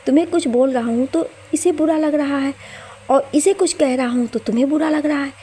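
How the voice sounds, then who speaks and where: A woman voicing an angry young husband who shouts bitter accusations at his wife. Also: high-pitched, fast, voice pushed up, lightly acted.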